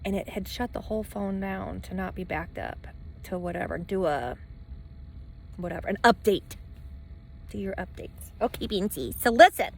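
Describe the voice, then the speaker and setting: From inside a parked van, a woman who lives and travels in it rambles through a personal vlog, addressing both the camera and her dog, stopping, starting and repeating phrases for emphasis. Her medium-pitched, creaky voice moves at a moderate pace over a little hiss or hum and a faint ocean wash.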